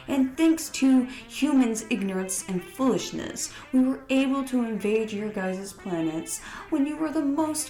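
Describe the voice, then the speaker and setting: A woman voicing a cold, mocking male alien invader who speaks slowly and taunts his captives. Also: fairly high pitch, dark tone, roomy sound. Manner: slow, sneering, taunting.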